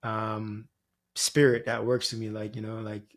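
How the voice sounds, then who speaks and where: This podcast guest, a Jamaican spiritual guide, has a lowish voice and a flat, unhurried delivery. He muses reflectively and rambles a bit, leaning often on "you know" and "like".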